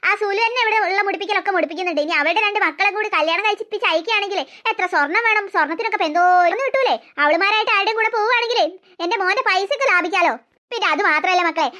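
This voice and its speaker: A woman's voice: very high voice, pushed and bright. A woman voicing a greedy, spiteful old grandmother in a cartoon, gossiping and scheming over family money.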